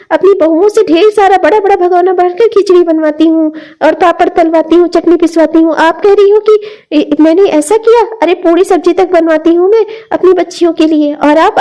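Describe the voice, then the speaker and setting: A woman voicing a quick-tempered middle-aged cartoon mother who argues with her own mother. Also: very high-pitched, dark tone. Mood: indignant. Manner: indignant, arguing. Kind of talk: cartoon dialogue acting.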